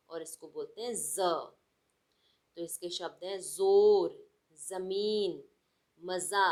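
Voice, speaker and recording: A woman's voice: fairly low pitch, fairly bright tone. A woman teaching a lesson to young children, who asks a question and then answers it and stresses each word as she reads lists aloud. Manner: stretches words out and stresses them while reading word lists. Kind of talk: slow, deliberate classroom lesson for young children.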